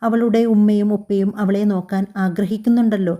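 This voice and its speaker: A woman's voice: mid-range voice, steady tone, normal speed, mellow, close to an everyday voice. Woman voicing a meek young husband. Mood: placating.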